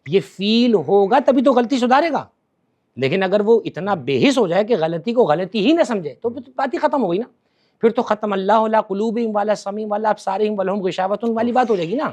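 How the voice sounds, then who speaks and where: Man, religious scholar, fairly high voice, emotive storytelling, forceful then hushed, repeats words for emphasis. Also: expressive. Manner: dramatic, swings between forceful and hushed. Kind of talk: emotive storytelling in a podcast interview.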